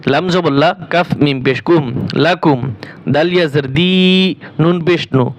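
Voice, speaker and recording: A man teaching Quran reading, spelling out letters and vowel marks one by one, then chanting each verse in long drawn-out tones. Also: fairly high pitch, steady tone, no room sound.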